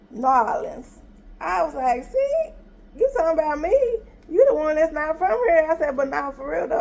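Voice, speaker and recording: A woman with a high, creaky voice casually tells a story in an animated retelling. She acts out both sides of the conversation with quoted dialogue, laughing and sounding exasperated.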